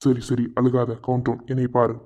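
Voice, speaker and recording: A man's voice: mid-range voice, monotone, fairly quick, a little mellow, natural voice. A man voicing a male college student who earnestly reassures his fiancée and promises to protect her. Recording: dull lo-fi sound.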